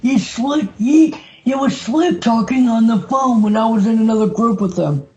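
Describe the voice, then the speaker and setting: A man chatting casually on a group call, animated and halting, with drawn-out phrases. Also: very high-pitched, lo-fi sound, slight background noise.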